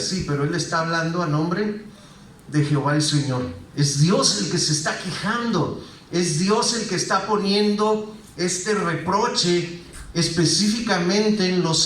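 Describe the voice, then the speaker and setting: A man's voice: high voice, fairly bright tone. Man, pastor, engaging sermon, echoey church hall. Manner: engaging, asks the congregation frequent questions. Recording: roomy echo, voice heard from a distance.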